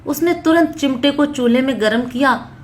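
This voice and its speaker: A woman narrating a spoken moral story in a steady, expressive scripted reading. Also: high-pitched, moderate pace.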